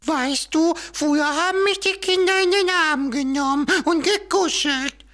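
A forlorn little brown teddy bear pipes up in a very high, trembling squeak. He talks slowly and plaintively, like a toy feeling forgotten. It is a children's audio story. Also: sharp tone, exaggerated voice. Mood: complaining.

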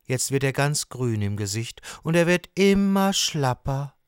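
A man's voice: sits high, fairly even intonation, a little slow, clear, resonant tone, no echo, clean studio sound, voice pushed up. A man voicing a sad, worried father lobster in a children's audio story, pleading for help. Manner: pleading, anxious.

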